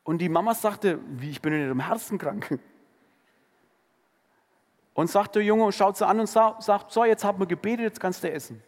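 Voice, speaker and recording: Male preacher, high voice, earnest sermon delivery, shifts from emphatic to hushed, long church-hall reverb. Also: normal speed, long pauses.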